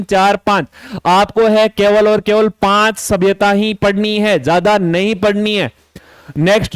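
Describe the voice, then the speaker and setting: High-voiced coaching teacher. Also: male voice, smooth, no echo. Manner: lists topics, repeats key instructions. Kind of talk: syllabus walkthrough lecture.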